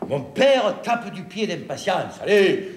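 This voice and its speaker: A man's voice: high voice, sing-song, slow, reverberant, slight background noise, exaggerated voice. A man playing a young son torn over a duel. He moves from hesitant to mock-heroic boasting. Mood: defiant. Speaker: sitcom actor playing Rodrigue in a parody.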